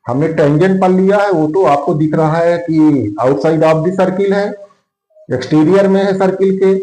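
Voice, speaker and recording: A man's voice: fairly high pitch, mellow. A man teaching a maths lesson in Hindi and English, dictating a geometry proof and asking himself questions as he writes. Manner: asks and answers his own questions while writing; Hindi mixed with English terms, dictating slowly. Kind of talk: classroom lesson at a board. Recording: echoey room.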